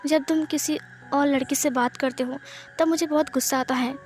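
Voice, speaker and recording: A woman's voice: high-pitched, fairly even intonation, moderate pace, soft background music, natural voice. A woman voicing a lovesick young woman who pleads and presses with questions, in a read-aloud fan story. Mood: pleading.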